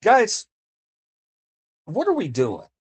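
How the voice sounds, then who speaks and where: This American livestreamer's voice is high and husky, swinging hugely in pitch while he talks slowly. Chatting to viewers over his desk mic, he's earnest and fired up, frequently restarting and repeating himself off the cuff.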